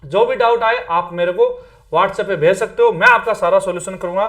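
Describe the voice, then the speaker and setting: A man with a fairly high voice gives a casual coaching lecture to exam candidates. He talks in a loose, conversational way, mixing English terms into his speech and checking in with "theek hai" as he goes. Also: fairly quick, fairly bright tone. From Rajasthan, India. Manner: chatty, repeats "theek hai", mixes English words.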